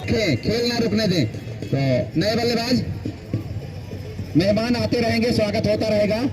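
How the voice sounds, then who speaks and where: Excited high-pitched man calling cricket. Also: a little slow, over loud music, rough recording. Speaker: cricket commentator. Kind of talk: live cricket commentary at a village tournament.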